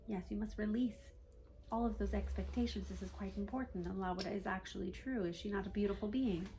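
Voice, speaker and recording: A woman voicing a calm, authoritative spirit guide as a trance medium, in formal stilted phrasing that often ends on a questioning "yes?". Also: mid-range voice, fairly quick, soft background music, lightly acted, poor audio. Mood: calm, instructive. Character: calm, authoritative male spirit guide teaching human seekers. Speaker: trance channeler. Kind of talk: seance medium channeling a spirit guide, teaching. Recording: faint background noise.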